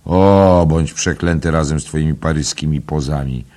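A man voicing a jovial, mocking young man who talks loudly and theatrically, in an audiobook. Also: extremely low pitch, moderate pace. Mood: boisterous. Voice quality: exaggerated, playful. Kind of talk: audiobook character reading.

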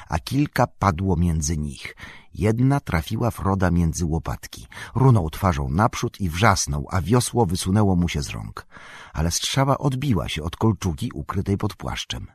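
A man narrating a fantasy novel in a calm, measured storytelling manner. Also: low-pitched, slightly rough, no room sound. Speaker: audiobook narrator.

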